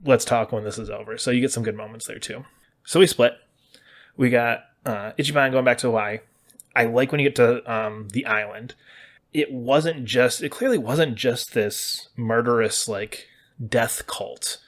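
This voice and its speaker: A man talking casually through a story's best moments, now and then slipping into quick put-on voices for the characters. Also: medium pitch. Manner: chatty, acts out characters' lines in quick voices. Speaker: gaming channel host. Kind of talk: casual spoiler discussion.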